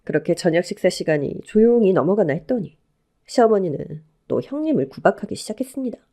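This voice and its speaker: A young bride telling her own story, read by a woman for a radio drama. Her speech is polite and deferential. Her pitch moves in a lively way. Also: a little fast. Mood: calm narration. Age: young adult. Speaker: narrator and new daughter-in-law.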